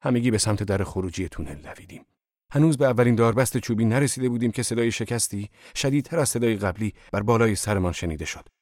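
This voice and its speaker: Low-voiced man narrating an audiobook. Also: no echo, clean studio sound. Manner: steady, measured storytelling. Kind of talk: scripted literary narration.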